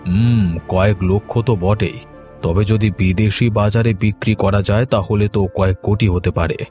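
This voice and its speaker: A man's voice: fairly low pitch, fairly even intonation, normal speed, dark tone, natural voice. A man playing a smug scheming village headman. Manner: smug, knowing explanations. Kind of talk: animated cartoon voice acting. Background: faint music.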